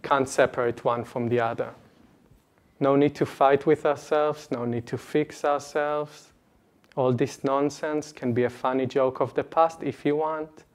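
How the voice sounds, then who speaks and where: A young man in his late twenties speaks earnestly to a live audience, animated and laughing lightly between points. His voice sits at an ordinary middle pitch and is picked up close by a lapel mic in an indoor meeting room. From Israel. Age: late 20s. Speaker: retreat speaker. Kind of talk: personal talk to a live audience.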